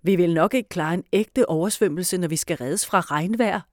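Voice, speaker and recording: A woman's voice: lowish voice, a little mellow, dry recording, studio quality, close to an everyday voice. A woman voicing a stubborn, hungry young boy in a storybook reading, speaking in a whiny, raised voice. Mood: sulky.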